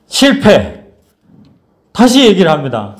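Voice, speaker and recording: A male pastor preaching a sermon, telling a story in a lively, playful way. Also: high voice, slow pace.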